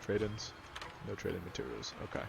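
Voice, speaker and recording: A man's voice: low voice, sing-song, brisk, creaky, background noise. A man giving casual let's-play commentary, explaining game mechanics and thinking aloud. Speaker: gameplay commentator. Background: game music.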